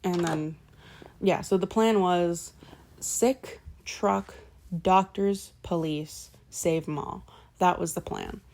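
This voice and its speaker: This book vlogger speaks slowly in a lowish, slightly mellow voice as she casually recounts a novel's plot. Her telling wanders, full of fillers and self-corrections, with the occasional offhand curse.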